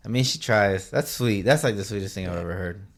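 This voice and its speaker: A man's voice: fairly low pitch, a little fast, a crowd in the background. A man co-hosting a casual interview, playful and teasing in his banter. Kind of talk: joking banter.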